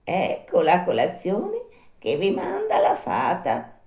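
A woman voicing an unhurried female snail, calm and phlegmatic, drawing out her words slowly. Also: fairly low pitch, pitched above the performer's own voice, heavily acted. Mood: placid. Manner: slow drawn-out calm speech. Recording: roomy echo.

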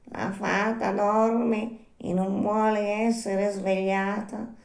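A woman voicing an unhurried female snail, calm and phlegmatic, drawing out her words slowly. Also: medium pitch, vocal fry, pitched above the performer's own voice. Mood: placid. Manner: slow drawn-out calm speech. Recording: roomy echo.

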